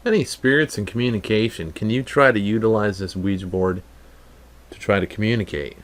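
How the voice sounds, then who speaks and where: A man's voice: fairly low pitch, brisk. A man hosting a paranormal livestream with casual, off-the-cuff live commentary. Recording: faint background noise.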